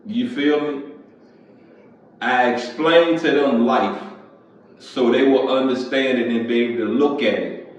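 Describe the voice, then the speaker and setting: A man preaches in an unhurried, conversational way and keeps checking in with his listeners. He sits back from the microphone, and the dull, lo-fi sound carries a heavy echo. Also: medium pitch. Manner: conversational, repeats "you feel me"; clears throat often. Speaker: pastor and podcast host. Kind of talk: casual preaching monologue. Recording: echoey, distant, dull lo-fi sound.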